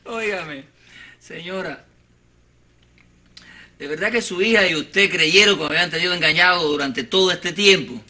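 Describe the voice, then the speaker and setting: A man's voice: high-pitched, moderate pace, pauses often, bright, forceful tone, heavily acted. Stubborn, devoted Cuban stepfather. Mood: amused. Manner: pleading, emotional, stammering. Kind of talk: telenovela acting.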